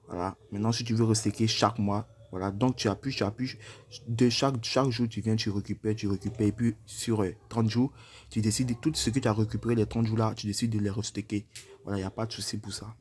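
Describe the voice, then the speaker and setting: A man with a somewhat low voice talks through a screen tutorial in a casual, unscripted way. He hesitates often, restarts phrases and leans on the same filler word again and again. A faint background hiss sits under the voice. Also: steady tone, quick pace, a little mellow. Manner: hesitant, repeats himself, frequent "voilà" fillers. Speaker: crypto tutorial presenter.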